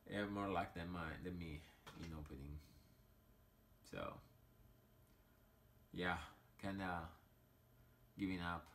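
Italian-accented man, slightly drunk, low-ish and very slow, rambling with sighs. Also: fairly bright tone, a little hiss or hum. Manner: slow, sighing, rambling with many fillers. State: tipsy. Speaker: mobile game vlogger. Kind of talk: casual commentary while opening game crystals.

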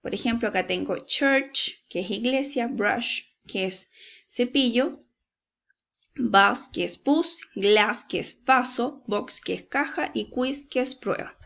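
Slow, patient Chilean woman teacher. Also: a little high, creaky, fairly bright tone, muffled recording. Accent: Chilean Spanish. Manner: slow, patient, checks in with "¿cierto?". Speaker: English teacher. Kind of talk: recorded slide lesson.

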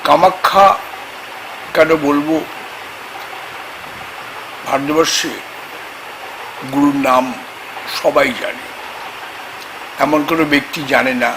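A man, a tantric astrologer, talking slowly and haltingly about faith at a temple, with sudden loud emphatic bursts. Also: fairly high pitch, fairly even intonation, background noise. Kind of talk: spoken religious talk to camera. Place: temple grounds, outdoors.

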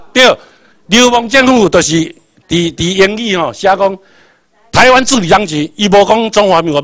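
A man's voice: sits high, a bit bright, no room sound. A man with a Taiwanese accent lecturing a class, repeating points and quizzing the listeners. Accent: Taiwanese Hokkien. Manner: repetitive, quizzes the class, spells out English letters.

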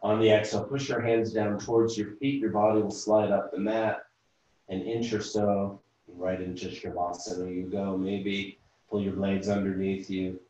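A man leading a yoga class as instructor, calmly talking students step by step through breaths and stretches over a video call. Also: lowish voice, muffled recording. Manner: slow, calm step-by-step cueing of breath and movement. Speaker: yoga instructor and physical therapist. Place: room at home, teaching over video call. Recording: very echoey room, voice from far off the mic.

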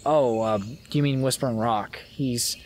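A man's voice: medium pitch, a little slow, a little hiss or hum, natural voice. An actor playing a polite, earnest ghost of a man lost since the 1950s, from Illinois, in a film drama. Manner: earnest, polite, old-fashioned.

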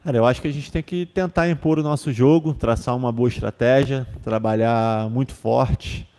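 A young male football defender fields press questions casually, his medium-pitched, dark voice steady at a normal speed and full of fillers and restarts. He speaks into a table microphone on a stand in a club press room with a sponsor backdrop, and the sound carries a big-room quality.

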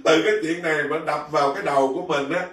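A man who is a Buddhist monk, telling a story in a lively dharma talk, laughing often and acting out the figures. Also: on the high side, rapid-fire. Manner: lively, laughing, acts out a king and a soldier. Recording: echoey room, voice from a distance.

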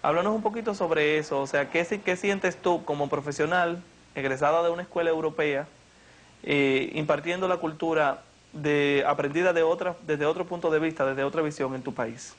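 A man's voice: on the high side, moderate pace. Formal young man interviewing. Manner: long, formal, elaborate questions. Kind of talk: TV interview questions. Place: living room.

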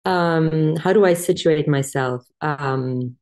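Middle-aged woman panelist, very deep voice, halting and thoughtful, video call. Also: darkish tone. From Germany. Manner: hesitant, many ums, thoughtful. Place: home room indoors.

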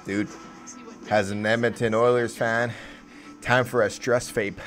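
Reacting casually to the game, the host of a live hockey watch-along chats with viewers by name and curses often, moving from low mumbles to sudden loud outbursts. His delivery is flat and measured, with faint music behind him.

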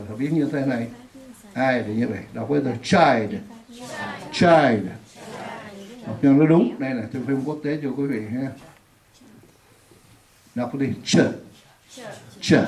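A woman's voice: very deep voice, a little mellow. A woman teaching an English lesson in a classroom, patiently repeating words for her students to drill. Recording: echoey room.

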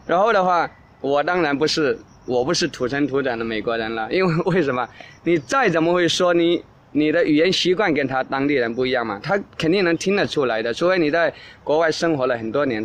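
A man's voice: fairly high pitch, slight background noise. A man hosting a casual talk show, answering listener questions in a rambling way with frequent restarts and repeated words. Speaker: English teacher and podcast host.

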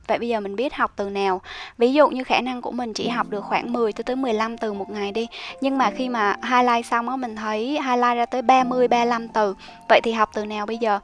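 A young woman explaining study tips as a teacher, in a chatty, explanatory way with soft fillers. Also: fairly high pitch. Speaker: IELTS teacher. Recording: soft music behind the voice.

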